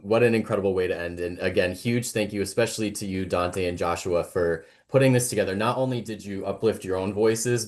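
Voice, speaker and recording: A man's voice: deep voice, a little mellow. A man hosting a webinar on a video call, upbeat and appreciative, with frequent "um"s. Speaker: webinar host.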